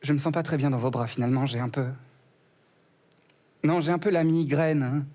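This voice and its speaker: Snippy little rose lady, a bit higher and prissy, guy doing her voice. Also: fairly even intonation, moderate pace, mellow, close to an everyday voice. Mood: prim. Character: prim, witty female rose who talks back.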